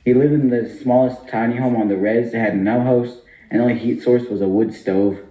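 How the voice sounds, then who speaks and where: A man's voice: mid-range voice, fairly even intonation, brisk, dark tone. A man narrating a comic story for an amateur puppet show. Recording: muffled, echoey room.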